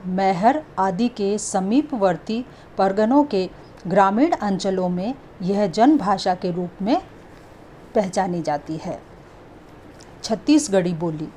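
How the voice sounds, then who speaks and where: A woman lecturing at an unhurried, deliberate pace, with a voice that sits at an ordinary middle pitch. She reads through lists of names one item at a time. A faint hiss runs underneath the recording. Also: darkish tone, low-quality recording. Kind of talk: slow, measured academic lecture.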